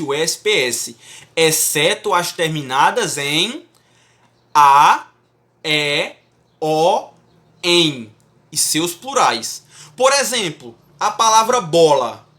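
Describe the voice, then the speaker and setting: In a classroom-style lecture on Portuguese grammar, a man's pitch swings widely as he stresses syllables, his voice bright with a forceful edge. Expressive and slow, he speaks emphatically and keeps checking in with the class.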